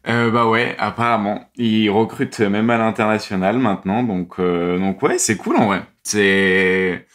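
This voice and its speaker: A man speaking as a podcast guest in casual chat, with halting phrasing and repeated starts. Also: fairly low pitch, steady tone, a bit bright. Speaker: podcast guest, basketball commentator.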